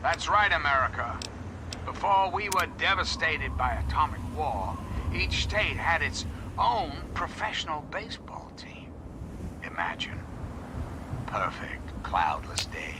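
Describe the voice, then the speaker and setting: A man's voice: fairly high pitch, big pitch swings, noisy background. A man voicing a folksy, self-assured, pompous president giving radio addresses in a video game. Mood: nostalgic, folksy. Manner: avuncular, pompous, measured oratory.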